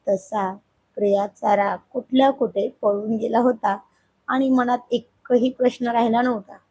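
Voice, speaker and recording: A hoarse woman with a husky voice narrating a romantic family story in a soft, unhurried way. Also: fairly high pitch, steady tone, highs cut off.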